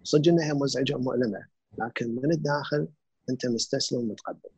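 A man with a Gulf Arabic accent talks through feelings and grief in a calm, explanatory way, dropping in English words. His voice is husky and his words come very fast. The sound is dry and close. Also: mid-range voice, no echo, lo-fi sound. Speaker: guest speaker on grief and emotions. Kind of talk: reflective conversational explanation.

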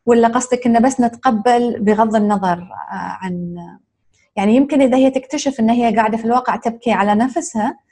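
A woman's voice: fairly high pitch, fast talker, warm tone. A woman asks long, thoughtful questions in an interview. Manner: thoughtful, rephrases her questions at length.

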